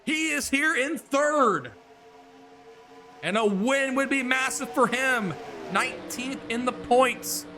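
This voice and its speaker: A man calling a sim racing event as play-by-play commentator, excitable and exclaiming, sometimes breathless. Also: very high voice, slow pace, over music. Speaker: race commentator.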